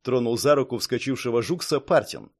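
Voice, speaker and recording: A calm, shrewd analyst thinks out loud in this audiobook, as a male reader voices him. He lays out his reasoning in a measured, unhurried way. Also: mid-range voice. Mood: thoughtful. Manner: thoughtful, measured.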